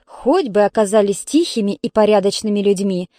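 A woman's voice: mid-range voice, expressive, brisk, mellow, no room sound, clean studio sound, lightly acted. A woman reading as a grumpy, complaining middle-aged mother who scolds her neighbors and children. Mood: grumbling. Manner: complaining, strict.

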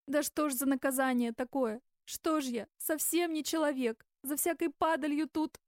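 A woman's voice: moderate pace, a little mellow, dry recording, studio quality, lightly acted. Woman doing a tearful young barmaid. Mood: distraught. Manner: high, sobbing, exclaiming.

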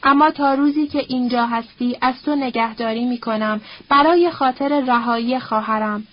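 Woman narrator doing a proud, worn-out young man, curt and stern; storybook, high voice, muffled sound. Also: close to an everyday voice. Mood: curt angry. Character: weary, bitter young man, tense and proud. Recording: dull lo-fi recording.

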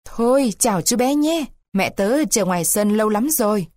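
A woman's voice: mid-range voice, expressive, normal speed, darkish tone, no room sound, clean studio sound, lightly acted. A woman voicing a tiny, cheerful baby chick that has just hatched.

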